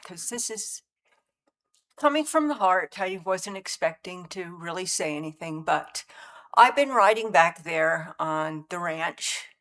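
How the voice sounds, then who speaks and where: A seventy-year-old woman gives public comment at a county board meeting. She holds back tears as she speaks with deep feeling and religious devotion. Her voice sits fairly low for a woman. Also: lively intonation, unhurried, fairly bright tone. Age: 70s. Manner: emotional, heartfelt, near tears, religious. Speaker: rancher neighbor giving public comment. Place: county commission meeting room.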